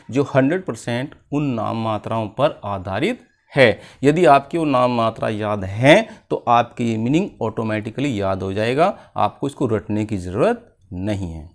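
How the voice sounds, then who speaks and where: A man's voice: medium pitch, lively intonation, a little slow. A man teaching children to spell, asking a question and then answering it himself.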